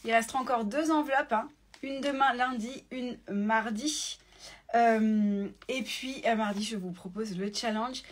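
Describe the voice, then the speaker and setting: A woman talking casually on a phone in selfie mode during a live giveaway, chatty and quick, reading viewer comments aloud. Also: on the high side. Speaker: sewing shop owner hosting a live giveaway. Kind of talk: casual live stream chat.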